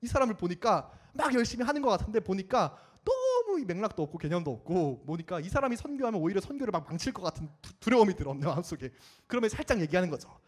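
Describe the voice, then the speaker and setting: High, animated young male preacher. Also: fast, few pauses. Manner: animated, acts out quoted voices. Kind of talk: sermon.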